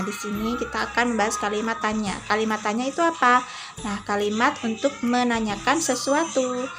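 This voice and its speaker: A woman religious teacher giving a lesson to children, explaining gently and patiently with many "nah" and "eh" fillers. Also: fairly high pitch.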